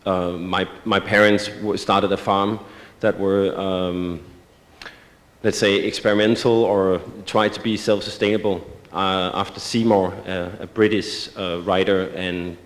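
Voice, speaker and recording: A man's voice: sits low, flat delivery, a little slow. A man from Denmark, giving a hesitant symposium talk about his art, full of filler sounds and restarts. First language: Danish. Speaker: artist presenting his work. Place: museum auditorium. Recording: long reverb of a large hall.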